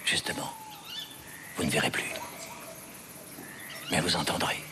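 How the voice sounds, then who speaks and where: A man's voice: medium pitch, big pitch swings, noisy background. An actor playing a cruel, mocking captor, drawling his taunts. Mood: sneering. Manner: taunting, drawn-out sneering delivery. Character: mocking cruel Spanish male captor, sadistic. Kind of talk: film drama acting.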